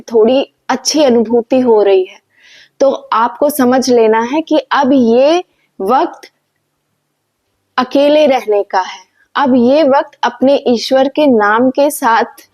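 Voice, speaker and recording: A woman's voice: on the high side, a little mellow. Earnest woman giving spiritual advice. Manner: earnest, instructive, asks rhetorical questions. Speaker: spiritual speaker. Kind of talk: devotional motivational talk.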